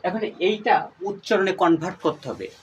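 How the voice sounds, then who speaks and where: A man's voice: sits high, very animated, fairly quick. Guy teaching a lesson, repeats every point and asks questions, sits back from the mic, faint hum behind. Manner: repeats key points and quizzes the viewers. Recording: voice a little far from the mic, faint room noise.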